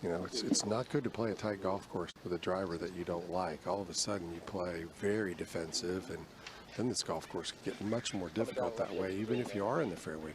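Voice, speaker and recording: A male golf analyst with a very low voice talks through the play conversationally. He is explanatory and analytical, with clear ambient noise around him.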